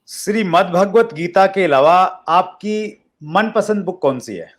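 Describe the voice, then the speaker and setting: A deferential male interviewer puts polite questions to his guest. His voice sits high and moves a lot. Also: expressive, a little slow. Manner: deferential, addresses guest as sir.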